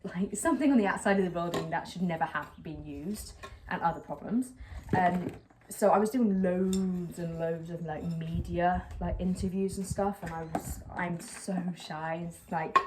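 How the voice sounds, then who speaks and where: This English plant vlogger, a young adult woman, speaks at a normal speed with a fairly low pitch while repotting a plant outdoors. Chatting to the camera, she comes across as self-conscious, wandering off-topic and leaning on fillers. The setting is a patio by a brick wall with a bit of wind, captured clearly over background outdoor sound.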